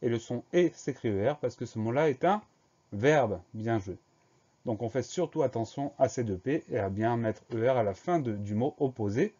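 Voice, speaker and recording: A man's voice: medium pitch, animated, normal speed, dark tone, highs cut off. A man teaching a spelling dictation lesson, patiently spelling each word out letter by letter.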